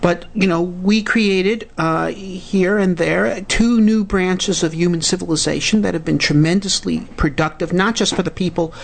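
A man with a Brooklyn New York accent, speaking as an expert guest in a radio interview, halting but earnest. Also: high-pitched, steady tone, vocal fry. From United States. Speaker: guest expert, society president.

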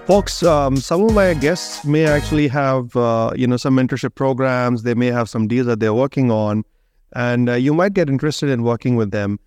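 A man's voice: mid-range voice, normal speed, a little mellow, no echo, soft background music. A man hosting an interview podcast, talking in a loose, conversational way with many ums and you-knows. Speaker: podcast host, physician.

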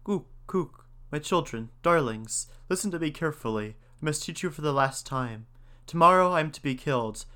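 A man voicing a gentle mother hen who speaks tenderly and pleadingly to her chicks in a storybook reading. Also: on the high side, animated, moderate pace. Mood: tender, grieving. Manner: tender, pleading, soft-spoken.

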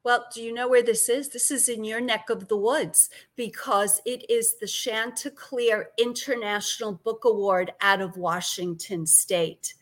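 A woman's voice: on the high side, steady tone, unhurried, few pauses. An older woman with a Brooklyn accent speaking as an author guest in a conversational interview, effusive and emphatic. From Brooklyn, New York.

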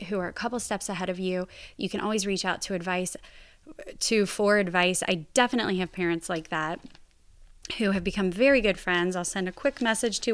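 A woman's voice: medium pitch, clean tone. A woman in her thirties or forties giving casual parenting advice, candid and self-deprecating, laughing at her own habits.

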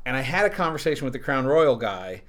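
A man's voice: mid-range voice, big pitch swings, quick pace, fairly bright tone. Rambling, anecdotal man chatting. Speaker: co-host. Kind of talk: casual chat about whiskey.

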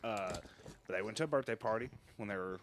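Low-voiced man telling a rambling story. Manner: rambling storyteller, halting with many fillers, crude. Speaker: podcast co-host, called [name]. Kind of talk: casual movie watch-along chat.

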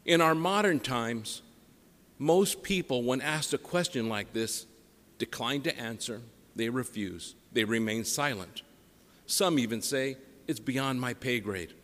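Priest preaching in cathedral-like echo. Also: male voice, medium pitch, fairly bright tone. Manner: measured, solemn, deliberate public delivery. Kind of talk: gospel reading and homily. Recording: echoing church, long reverb.

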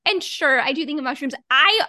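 A woman's voice: high voice, lively intonation, a little fast, sharp tone, no room sound, clean studio sound. A woman co-hosting a podcast in casual chat, leading the conversation with a chatty, laughing manner. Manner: chatty, leads the topic with frequent laughs. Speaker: podcast co-host.

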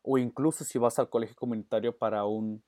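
A man's voice: medium pitch, steady tone, brisk, a little mellow, dry recording, studio quality. A man who works as an educator, answering interview questions earnestly, often slipping English words into his Spanish and restarting phrases. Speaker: guest, educator.

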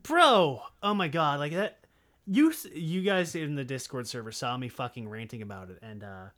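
A man's voice: medium pitch, fairly quick, fairly bright tone. A man co-hosting a podcast in casual chat, sarcastic and ranting, swearing freely. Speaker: podcast co-host.

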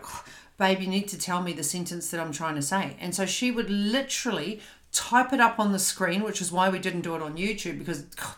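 A woman's voice: mid-range voice, a bit bright. A woman hosting a podcast from home, talking candidly and often stopping to search for words. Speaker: podcast host. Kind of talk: casual chat. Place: home, on a couch. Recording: roomy echo.

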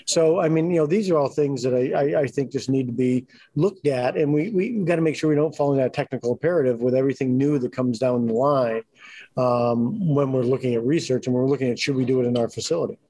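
A man's voice: medium pitch, fast talker, mellow, no room sound, low-quality recording. A man speaking in a casual panel discussion, thinking aloud with lots of "you know" and "I mean". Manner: thoughtful, many fillers like "you know".

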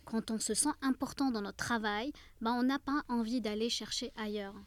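A woman's voice: fairly high pitch, fairly even intonation, normal speed, dry recording. A woman with a Québécois French accent, a podcast panelist who readily joins in with her own comments. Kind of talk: casual panel discussion.

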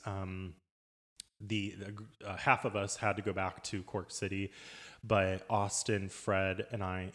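A man's voice: lowish voice, long reverb tail. A man co-hosting a podcast, chatting casually and animatedly about a trip and laughing often. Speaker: podcast co-host. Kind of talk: casual travel chat.

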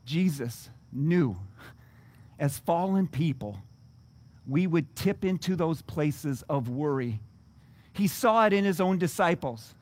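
Earnest high-voiced male pastor preaching. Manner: earnest preaching with frequent restarts and stumbles; reads scripture then explains it emphatically. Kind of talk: sermon.

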